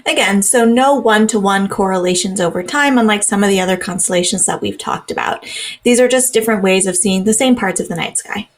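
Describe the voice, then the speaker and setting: A young adult woman co-hosts a podcast in a medium-pitched voice at a slightly fast clip. The conversation is casual and chatty, and she laughs often and uses plenty of "um"s and "like"s.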